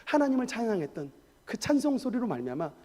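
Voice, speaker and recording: A man preaching a sermon as pastor, telling emphatic personal stories in an animated way. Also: extremely high pitch, quick pace. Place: church sanctuary. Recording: echoey church hall.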